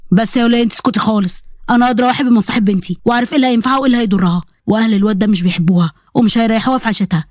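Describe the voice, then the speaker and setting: A woman playing a strict middle-aged father, stern and commanding in an Egyptian accent. He fires off orders very quickly in a fairly high voice. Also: a little mellow, no echo, studio quality, lightly acted.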